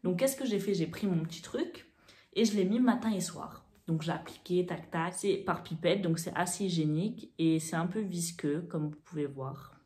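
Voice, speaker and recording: A young woman tells a story to the camera at home in the chatty, animated way of a beauty vlogger, with plenty of fillers. Her voice sits low for a woman and sounds mellow. The room around her gives it a clear echo. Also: moderate pace.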